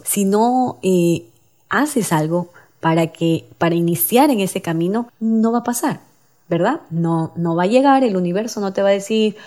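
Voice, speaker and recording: A woman hosts a talk show in a low, mellow voice. She speaks earnestly and straight to the listener. Her speech is loose and full of fillers. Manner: earnest, addresses the listener directly, many fillers. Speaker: radio show host. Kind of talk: motivational talk show monologue.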